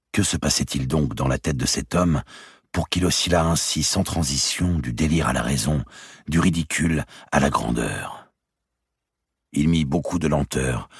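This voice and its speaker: Deep, gravelly, husky-voiced male narrator. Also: no echo, clean studio sound. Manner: expressive, acts out every character. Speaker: audiobook narrator. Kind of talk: scripted narration of a historical novel.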